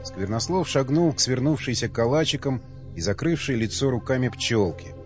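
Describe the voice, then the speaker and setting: A man narrating an audiobook with a steady, expressive reading. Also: medium pitch, moderate pace, faint music behind. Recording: dull dry lo-fi sound.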